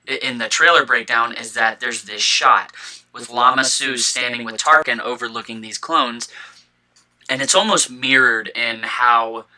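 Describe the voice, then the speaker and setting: A man's voice: mid-range voice, measured pace, bright, forceful tone, low-quality recording. A young man co-hosting a casual fan podcast, talking enthusiastically with lots of fillers and restarts, with the hiccups. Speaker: podcast co-host.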